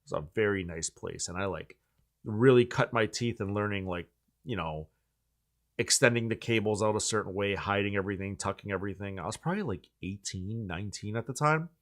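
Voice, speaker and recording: Male host, forties, relaxed chat, rambling with fillers and restarts. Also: lowish voice, brisk. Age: 40s. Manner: rambling, full of likes and restarts. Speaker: channel host. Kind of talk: casual chat.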